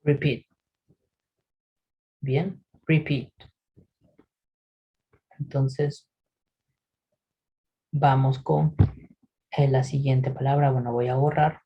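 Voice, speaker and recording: A man teaching English pronunciation in a recorded lesson, patiently explaining and often checking in with a quick "¿sí?". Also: mid-range voice, level tone, creaky, slightly rough, highs cut off. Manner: models English words slowly for repetition.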